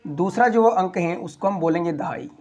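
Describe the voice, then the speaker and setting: A man teaching a school maths lesson, walking through place values slowly, step by step. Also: high-pitched, darkish tone. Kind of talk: classroom explanation.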